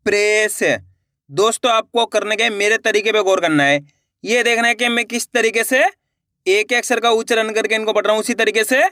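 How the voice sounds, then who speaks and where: A man teaching reading in a video lesson, sounding out each syllable slowly and asking the viewer how to say each one. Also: sits high, pushed and bright, dry recording, clean studio sound. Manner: slow, drawn-out syllables, asks the viewer questions.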